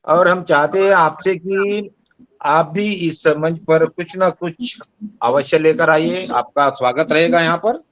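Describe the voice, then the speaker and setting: A man's voice: fairly high pitch, takes it slowly, a bit bright, dry recording, highs cut off. A man from the core team giving polite, formal closing remarks in an online meeting.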